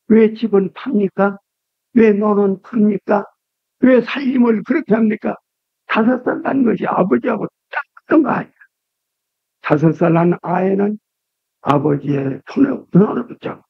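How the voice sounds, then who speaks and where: A man's voice: gravelly, no room sound. Older man preaching, dull old cassette. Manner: emphatic preaching with sharp rises and drops in pitch and loudness; slow, drawn-out delivery with repeated key words. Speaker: pastor. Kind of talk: Korean sermon. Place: church pulpit. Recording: dull, lo-fi 1999 cassette tape transfer, dry.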